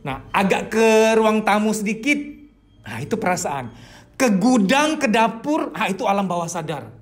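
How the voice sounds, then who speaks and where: High-voiced man lecturing a workshop. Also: moderate pace. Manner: lively, talks straight to listeners with rhetorical questions; casual colloquial speech mixed with teaching terms. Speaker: therapist leading a healing workshop. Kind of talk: seminar lecture to a live group.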